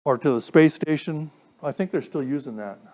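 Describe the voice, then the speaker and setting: This presenter's voice runs a little high and slightly mellow, and he keeps a moderate pace. He's delivering a casual technical lecture to a radio club, explaining things in stages and quizzing the listeners.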